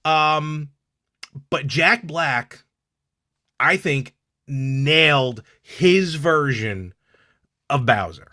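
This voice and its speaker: A man's voice: a little high, animated, pushed and bright. A man co-hosting a podcast, chatting casually and enthusiastically, often cutting in to agree. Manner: enthusiastic, quick to agree and interject. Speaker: podcast co-host. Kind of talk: casual chat.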